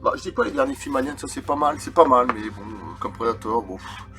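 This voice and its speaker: A video channel host in his 30s reads from a book, drifting into casual, rambling digressions. His mid-range voice is animated and sharp-toned, a little fast, with eerie film music underneath.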